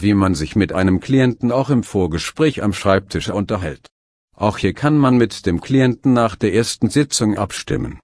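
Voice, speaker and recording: Low-voiced man reading a calm guide. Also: no room sound, studio quality. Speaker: hypnosis instructor. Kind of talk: scripted narration of a guide.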